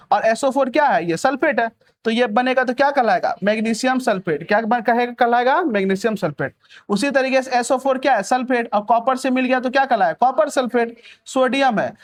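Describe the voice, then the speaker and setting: A young male teacher with a very high-pitched voice gives a chemistry lesson. He asks a question and answers it himself, repeats the key words, and keeps checking that his students understand.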